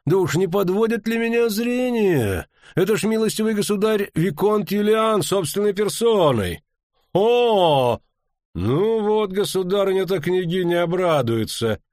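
Audiobook casting: man voicing a high, loud, slow-drawling boastful baron knight. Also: expressive, no echo, studio quality. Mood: blustering. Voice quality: loud, drawn-out, bellowing. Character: pompous blustering male knight baron.

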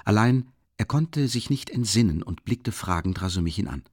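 A man narrating a classic novel as an audiobook in a measured, expressive manner. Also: lowish voice, no room sound, studio quality. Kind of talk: scripted literary narration.

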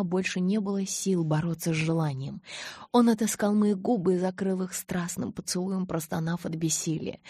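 Husky-voiced woman narrating an audiobook. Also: on the low side, mellow, dry recording. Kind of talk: first-person audiobook narration.

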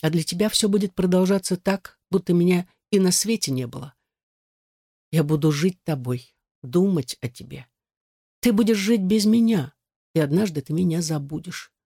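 A man's voice: high voice, normal speed, warm tone, dry recording, studio quality. A man reading as a frail dying old woman. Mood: grieving. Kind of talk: audiobook reading.

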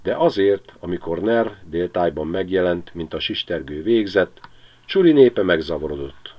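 Male audiobook reader, low voice, lively pitch, lo-fi sound. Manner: lively, expressive storytelling. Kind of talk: scripted narration of a children's novel.

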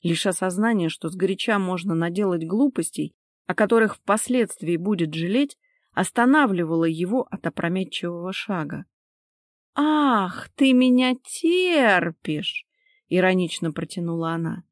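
A woman's voice: lowish voice, normal speed, no room sound. Woman narrating a novel, dry sound. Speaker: audiobook narrator.

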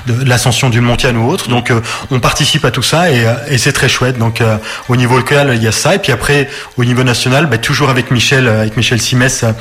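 A man in his forties, a sports coach guesting on a radio show, talking quickly with frequent restarts and repeated words. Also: mid-range voice, steady tone, a bit bright. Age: 40s. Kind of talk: casual radio interview.

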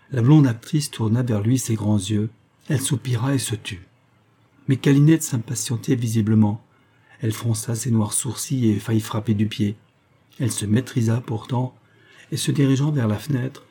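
A man reading a novel aloud in an even, measured storytelling manner. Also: mid-range voice, husky. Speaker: audiobook reader.

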